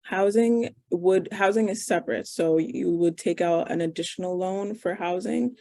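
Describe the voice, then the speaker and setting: A woman's voice: lowish voice, moderate pace, gravelly, mellow, no echo. A woman in her twenties, a medical student, answering interview questions over a video call. She speaks casually, thinking aloud with fillers. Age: 20s.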